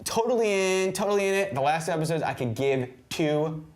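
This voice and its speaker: A man with a slightly high-pitched voice co-hosts a casual review chat. He talks bluntly and emphatically, punching his likes and dislikes hard. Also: lively intonation, fairly quick. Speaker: show co-host.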